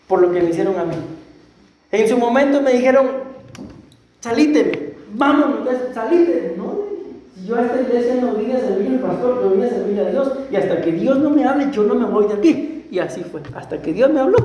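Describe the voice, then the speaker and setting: A Costa Rican man preaching as a pastor, telling his own testimony in a conversational way, often clearing his throat and asking the congregation questions. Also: very high-pitched, warm tone. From Costa Rica. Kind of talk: sermon with personal testimony. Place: church sanctuary. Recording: echoey church room.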